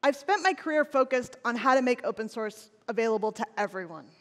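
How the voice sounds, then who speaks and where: A woman's voice: on the high side, expressive, brisk, fairly bright tone. A woman in her forties on a large conference stage, giving a scripted, earnest keynote with a few restarts. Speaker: keynote presenter. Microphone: headset or lapel mic on stage. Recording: long hall reverb.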